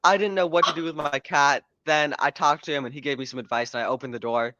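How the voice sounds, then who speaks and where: Bright-voiced man joking on a podcast stream. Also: on the high side, fairly even intonation, fast talker, dry recording, dull audio. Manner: joking, rambling, self-interrupting. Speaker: podcast host and author. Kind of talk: casual livestream chat.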